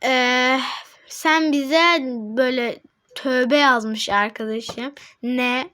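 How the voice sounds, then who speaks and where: Girl gamer chatting thru gameplay, high bright voice, slow-ish, reads chat out loud to everyone. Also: clean tone. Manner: excitable, addresses viewers as friends, reads chat aloud; bursts into high laughing shouts. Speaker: gaming channel host. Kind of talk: casual gameplay commentary.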